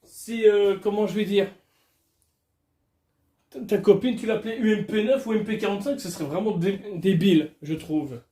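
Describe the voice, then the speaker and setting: A man with a notably high voice talks casually to his camera while alone at home. His chat is loose, joking and full of crude asides. The room around him rings with a clear echo. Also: moderate pace, dark tone. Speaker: vlogger. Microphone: camera filming him.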